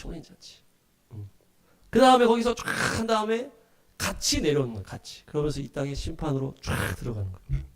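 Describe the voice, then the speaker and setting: A man preaching as pastor of a small church, animated and laughing often as he acts out scenes. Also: on the high side. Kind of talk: sermon.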